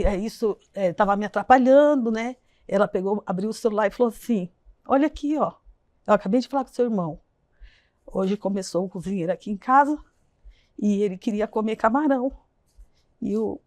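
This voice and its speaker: A woman tells a painful personal story as an interview guest. She speaks haltingly, repeating herself and acting out the dialogue of others. Her voice is mid-pitched and sounds dry and close. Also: darkish tone, no room sound. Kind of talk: emotional personal account.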